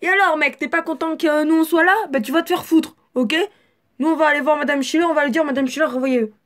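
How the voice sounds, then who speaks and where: Woman doing a furious yandere teen girl, high and loud, all slang and threats. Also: fairly even intonation, fast, close to an everyday voice. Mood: brash taunting. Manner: shouting threats, slangy and brash.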